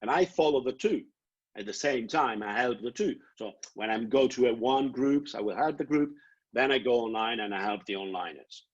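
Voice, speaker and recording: Answering prospective students online, the programme director, a middle-aged man from Italy, speaks with an Italian accent at a medium pitch. His explanations halt and repeat words, and the laptop webcam call comes through dull and lo-fi.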